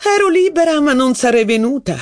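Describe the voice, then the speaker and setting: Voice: mid-range voice, big pitch swings, normal speed, a little mellow, no echo, studio quality, pitched above the performer's own voice. An audiobook reader voicing a haughty, witty aristocratic duchess, with mocking, theatrical, exclamatory speech. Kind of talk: audiobook reading.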